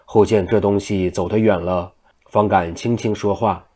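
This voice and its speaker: A man reading a classical Chinese novel aloud at a steady, unhurried pace. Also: on the low side, husky. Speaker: storyteller.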